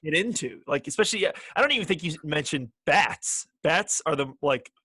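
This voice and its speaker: A man's voice: on the high side, animated, brisk, pushed and bright, husky. A young man hosting a casual podcast chat, laid-back and chatty, swearing and laughing often. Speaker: podcast host.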